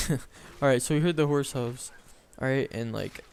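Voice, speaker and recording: A man's voice: mid-range voice, a little slow, creaky, a little mellow, smooth. A young man casually telling a story on a chat show, rambling with lots of fillers and self-corrections.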